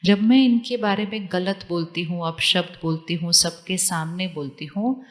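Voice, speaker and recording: A woman giving a spiritual talk to a live audience, calmly repeating questions to her listeners. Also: lowish voice, moderate pace, long reverb tail. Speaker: spiritual teacher.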